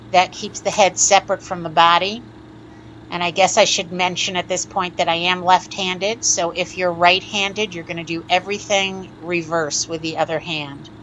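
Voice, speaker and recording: Calm woman explaining a glass tutorial. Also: fairly low pitch, dull audio, slight background noise. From United States. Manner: calm, instructive, methodical explanations. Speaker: glass artist teaching a lampworking demo. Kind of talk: step-by-step tutorial narration.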